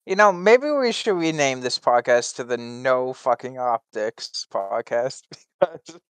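A man's voice: mid-range voice, lively intonation, measured pace, a bit bright, clean tone, dry recording. A man co-hosting a casual group podcast who makes edgy, provocative quips. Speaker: podcast co-host.

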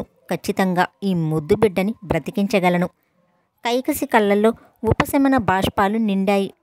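A woman reading a novel aloud as an audiobook narrator, in a steady storytelling manner, voicing the characters' dialogue in her own voice. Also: mid-range voice, no room sound.

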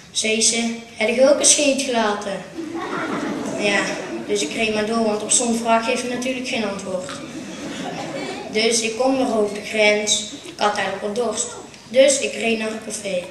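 A woman's voice: mid-range voice, a little hiss or hum. Woman, Brabant Dutch accent, comic stage monologue, roomy hall, distant mic. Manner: storytelling with punchlines, lively. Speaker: carnival stage performer. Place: small theatre stage.

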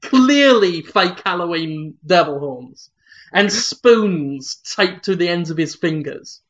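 A co-host adds to the joke in a dry, deadpan way. The voice sits at a middle pitch. It comes through a dull, lo-fi microphone. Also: slow pace. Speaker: comedy podcast co-host. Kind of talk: improvised comic riffing.

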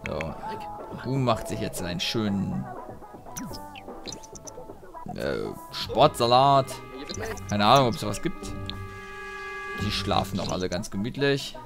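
A man giving casual commentary while playing a video game, talking to his characters in an animated way, with game music behind him. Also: lowish voice, measured pace, pauses often. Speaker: let's play host.

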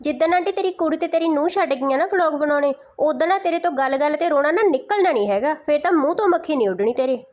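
A woman's voice: high voice, quick pace, hardly any pauses, darkish tone. A woman giving mocking, insulting roast commentary in a scolding, sarcastic tone.

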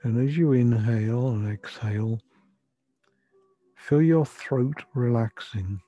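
Very mellow, breathy older man guiding relaxation. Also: medium pitch. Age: 60s or older. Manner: soothing, measured, gentle instructions. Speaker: relaxation therapy guide. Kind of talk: guided relaxation and breathing meditation. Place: furnished room at home. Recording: dull lo-fi sound, music behind. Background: music.

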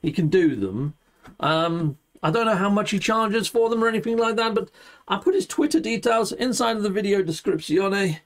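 A man's voice: sits high, lively intonation, moderate pace. A middle-aged man chatting casually as a gaming YouTube host, exuberant and full of playful catchphrases. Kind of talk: casual gaming stream chat. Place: indoor home streaming setup, seated.

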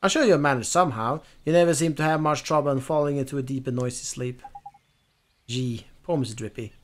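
A man's voice: fairly high pitch, fast. A man playing a video game who reads every character's lines aloud himself, with some asides of his own. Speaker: lets-play streamer. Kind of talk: reading game dialogue aloud.

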